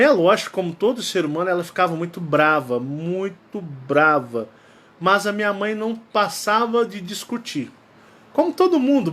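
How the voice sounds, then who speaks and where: A man's voice: on the high side, fairly bright tone. A man with a Brazilian Portuguese accent, hosting his channel and telling a personal story in casual style, emphatic and prone to repeating key phrases. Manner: acts out quoted dialogue. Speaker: channel host.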